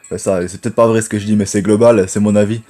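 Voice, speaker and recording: A man with a low voice giving rambling, chatty gameplay commentary and talking to viewers as friends. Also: fairly even intonation, fast talker, warm tone, faint music behind. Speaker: gaming YouTuber.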